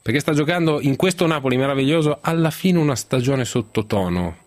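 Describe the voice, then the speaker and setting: A man's voice: medium pitch, animated, fairly quick, no echo. A man hosting a sports radio show in casual talk. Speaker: radio host.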